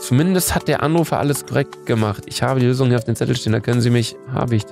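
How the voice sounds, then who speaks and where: Here the same young man, still nursing a cold, races through a meme quiz on stream, reading answers aloud, cursing casually and staying excitable throughout. His mid-range voice carries vocal fry, picked up by a studio mic near his face at an indoor desk, with music in the background.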